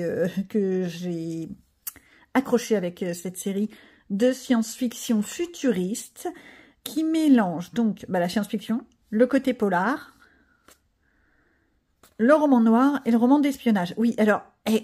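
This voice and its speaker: This middle-aged vlogger has a dark-toned, medium-pitched voice. She colors while chatting casually at home, rambling and adding self-deprecating remarks.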